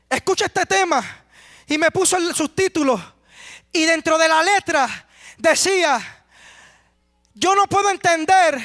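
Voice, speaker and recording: High, bright-voiced fervent young preacher man. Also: no room sound, clean studio sound. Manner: fervent, repeatedly calls out to young listeners. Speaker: preacher giving a testimony to youth. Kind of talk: impassioned testimony sermon.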